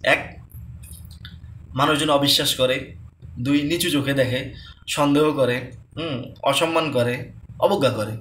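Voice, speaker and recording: A man's voice: mid-range voice, a little slow, pauses often, a bit bright, slight background noise. A man from Bangladesh in his thirties, giving a casual, conversational personal talk that repeats its points and keeps asking the listener to agree. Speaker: lecturer.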